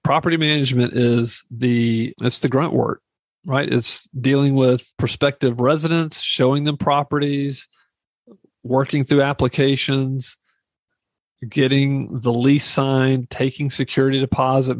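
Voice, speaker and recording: A man's voice: mid-range voice, no room sound. A middle-aged man hosting a podcast, giving informal advice in a rambling, repetitive monologue. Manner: rambling, repeats phrases for emphasis. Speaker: real estate investing podcast host.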